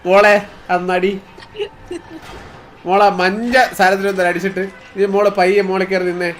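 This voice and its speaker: High-voiced excitable male gaming streamer. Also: normal speed, noisy background. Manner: excitable, bossy, barks instructions at his partner. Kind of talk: casual co-op game commentary. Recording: game music playing under the voice.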